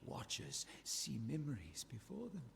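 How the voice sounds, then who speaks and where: A man's voice: medium pitch, wildly swooping pitch, unhurried, creaky, slight background noise, heavily acted. An actor playing a tormented, unhinged man haunted by spirits, with fragmented, menacing speech in a video game. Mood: haunted, anguished. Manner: unhinged, fragmented repetition, slipping into villainous menace. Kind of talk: dramatic video game character acting.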